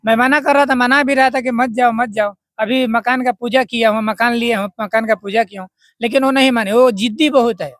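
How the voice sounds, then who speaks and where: A man from Bihar speaks in a notably high voice, telling his story in plain, repetitive, earnest words. The sound is dry and close. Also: fairly even intonation, fairly quick, fairly bright tone, no echo. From Bihar, India. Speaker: husband of missing woman, interviewee. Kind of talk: street interview.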